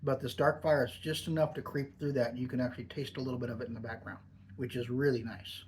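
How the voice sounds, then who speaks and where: A man of medium pitch chats through a casual product review. His lip is packed with dip as he talks. He speaks in an emphatic, savouring way, drawing out words for weight. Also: fairly even intonation, fast talker, a little hiss or hum, low-quality recording. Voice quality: talking with a lip full of dip pouches.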